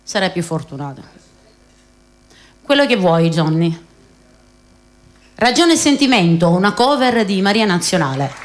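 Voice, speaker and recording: A woman's voice: fairly low pitch, very animated, unhurried, pauses often. A woman with a Catanese Sicilian accent chatting casually as she hosts a live call-in show. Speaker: host and singer on a local call-in music show. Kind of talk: casual live chat with callers.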